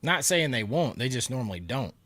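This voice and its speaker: A very animated man hosts a casual live chat, answering viewer comments briskly and laughing along while a cough drop sits in his mouth. Medium-pitched and a bit bright, his voice is nasal from a stuffy nose, and his throat is sore; the audio has no room sound.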